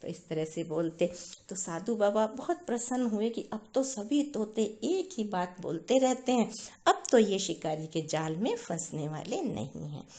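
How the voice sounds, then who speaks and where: Mellow woman telling a moral story. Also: mid-range voice, unhurried. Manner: calm, explanatory, addresses listeners directly.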